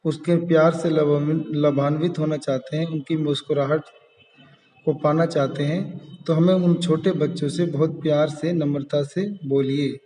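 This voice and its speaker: A man teaches a poem line by line, drawing out each English line slowly before he explains it. His voice is fairly high but dark in tone, and he sounds far from the mic in a room with a long echo. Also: fairly even intonation. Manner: reads English lines very slowly, then explains them.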